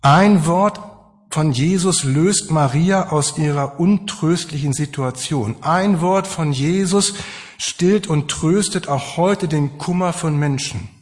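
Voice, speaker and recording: A man's voice: a little high, slow. A man preaching a sermon to his congregation, conversational and emphatic, with rhetorical questions.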